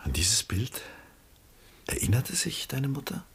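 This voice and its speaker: A male actor with a mid-range, sing-song, creaky voice plays a reserved, world-weary and melancholy middle-aged artist in a 1960s German radio play. His delivery is measured and guarded, and the recording carries a little hiss or hum.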